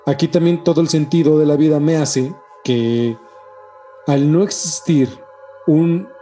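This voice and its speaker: A man with a Mexican accent co-hosts a casual podcast about ancient mysteries, slangy and emphatic, often repeating himself, with music behind his voice. His pitch is fairly high, his tone dark, and his pace a little slow.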